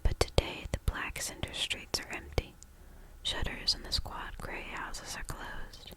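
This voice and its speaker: A woman reading a novel aloud for ASMR in a soft, hushed whisper, slow and deliberate.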